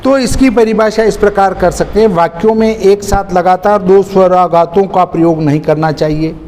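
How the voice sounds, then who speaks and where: A man teaching a grammar lesson, slow and deliberate, drawing out single words and repeating key terms. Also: sits high, a little mellow. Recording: hall reverb with faint noise.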